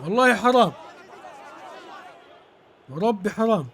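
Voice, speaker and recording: A man's voice: high voice, expressive, unhurried, vocal fry, a bit bright, some chatter behind, slight background noise. A man streaming a football video game, commentating live, exclaiming in bursts, repeating words and thanking his viewers. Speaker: gaming streamer.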